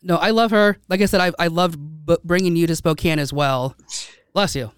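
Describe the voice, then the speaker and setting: A man's voice: a little high, fairly quick, smooth, no room sound, studio quality. A man hosting a podcast, talking casually with many restarts and fillers. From United States. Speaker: podcast host. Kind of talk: casual chat. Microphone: studio microphone.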